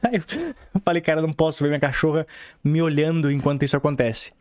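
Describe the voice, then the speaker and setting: Man, Brazilian accent, podcast host, casual storytelling, rambling with fillers, slightly high voice, dry recording. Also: fairly even intonation, racing, smooth, no room sound. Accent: Brazilian Portuguese. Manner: rambling, slangy, full of fillers and quoted dialogue.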